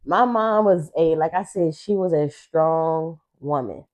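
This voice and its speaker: Woman, lowish mellow voice, halting personal story, lots of um and you know, holding back tears. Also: poor audio. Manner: halting, with many fillers and restarts. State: emotional, fighting back tears. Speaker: co-host.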